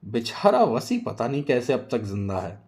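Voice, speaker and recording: A man voicing a loud, rude and boastful woman who scolds and taunts everyone in a storybook tale. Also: mid-range voice, wildly swooping pitch, moderate pace. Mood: taunting.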